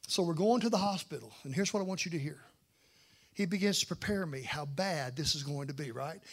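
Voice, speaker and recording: A middle-aged man preaching a sermon, telling a personal story with animated swings from loud bursts to hushed, low lines. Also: brisk. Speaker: guest preacher.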